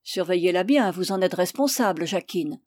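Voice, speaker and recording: A woman's voice: lowish voice, lively intonation, normal speed, a little mellow, no room sound, clean studio sound. A woman reader voicing a stern, controlling bourgeois mother who gives firm instructions. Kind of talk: audiobook character voice.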